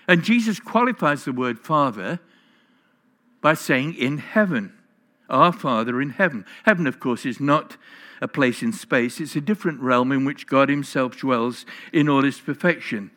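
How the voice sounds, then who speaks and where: A pastor with a mid-range, sharp-toned voice preaches a sermon in church, earnestly putting questions straight to the congregation.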